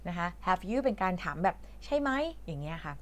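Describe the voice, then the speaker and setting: A woman's voice: on the low side, expressive, brisk. A woman from Thailand who teaches English, patiently explaining a reading lesson in a chatty way with lots of fillers.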